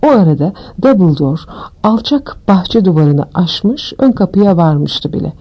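A woman narrating an audiobook with steady, expressive storytelling. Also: fairly low pitch, measured pace, husky, low-quality recording.

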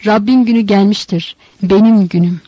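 A woman's voice: medium pitch, normal speed, dark tone, no room sound, muffled recording, natural voice. A woman voicing an anguished, fervent male prophet who cries out his words, in a Turkish audiobook reading. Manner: impassioned, exclamatory.

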